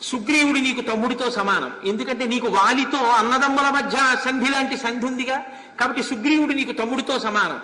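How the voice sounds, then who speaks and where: A man's voice: very high voice, brisk, pushed and bright. A man voicing a bold, wise monkey envoy who firmly declares his rank and mission, in an echoey hall.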